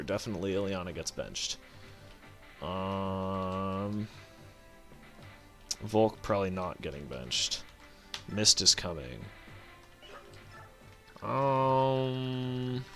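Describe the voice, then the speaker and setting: A man's voice: on the low side, sharp tone. A man giving casual gameplay commentary as a let's play host, rambling, correcting himself and swearing offhand as he thinks aloud.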